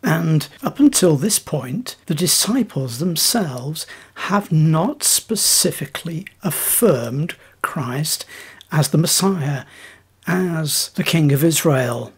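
A man preaching a devotional sermon in a calm, measured teaching tone. His voice is a little husky and sits slightly high for a man.

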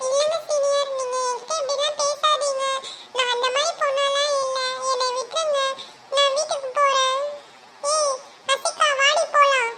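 Very high, bright, flustered young woman in a cartoon, shy and protesting, voiced by an actor. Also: little pitch movement, normal speed, a little hiss or hum. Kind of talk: comic cartoon dialogue.

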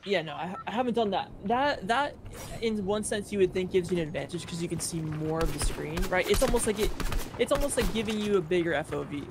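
A man's voice: sits high, brisk. A twenty-year-old man chatting casually as a guest on a gaming podcast, easygoing, with short agreeing replies. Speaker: guest gamer. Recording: noisy game audio behind.

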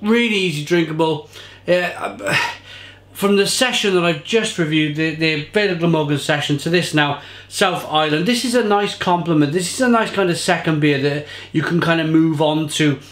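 In a reverberant home kitchen bar lined with shelves of bottles, a man in his thirties gives a casual, enthusiastic beer tasting review to camera. He talks at a moderate pace in a fairly high, slightly bright voice. He gestures a lot as he describes the flavours.

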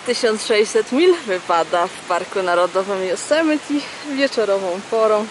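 A woman's voice: mid-range voice, lively intonation, moderate pace. A young woman records herself outdoors on a mountain trail with a handheld camera. She narrates casually and explains what she passes in a mid-range voice. A faint hiss of open air sits under her words. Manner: chatty, explains sights as she walks. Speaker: hiker vlogger.

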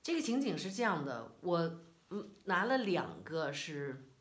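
A middle-aged woman from China, telling a personal story in a casual, animated, indignant way. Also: lowish voice, a little slow. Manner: animated, indignant retelling with quoted dialogue. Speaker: vlogger.

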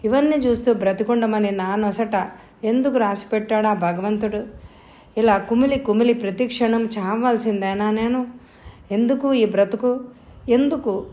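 Woman reading as a bitter bossy mom, sharp scornful voice, wails and scolds, audio novel. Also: fairly high pitch, moderate pace, lightly acted. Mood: despairing. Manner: sharp, scornful, wailing laments. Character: bitter domineering middle-aged mother, scolding.

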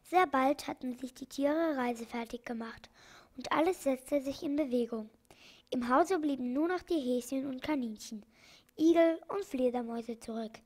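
High-voiced woman reading a children's book. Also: normal speed, a little mellow. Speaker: audiobook reader. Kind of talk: children's audiobook narration.

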